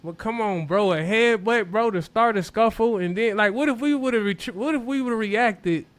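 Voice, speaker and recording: A man's voice: high-pitched, moderate pace. A young man co-hosting a sports podcast, emotional and cursing as he rants about a rival team. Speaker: podcast co-host. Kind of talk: casual sports chat.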